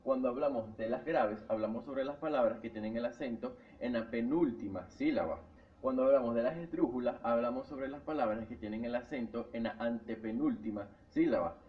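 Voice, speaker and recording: A man's voice: mid-range voice, fairly quick. A young man giving a class presentation, explaining step by step in a repetitive pattern. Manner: explains step by step, repeats "cuando hablamos de". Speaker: student presenter. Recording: tinny phone-like sound.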